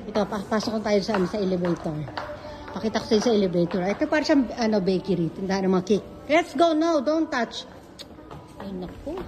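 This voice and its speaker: A woman's voice: mid-range voice, expressive, a little fast. A woman vlogging a casual hotel tour, chatting as she points things out and calls to her child. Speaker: travel vlogger. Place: hotel lobby and halls, indoors. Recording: handheld camera, noisy background.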